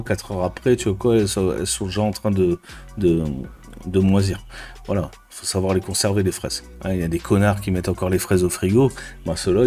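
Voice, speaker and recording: A man's voice: deep voice, mellow. A man ranting casually to camera as a vlogger, crude and exasperated, with constant fillers. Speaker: YouTuber and business coach.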